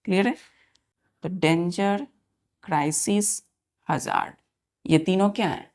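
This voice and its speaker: Woman, teacher, vocabulary lesson, spells words out, slow, gravelly. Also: fairly low pitch, darkish tone. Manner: spells words letter by letter, keeps asking the students if it is clear.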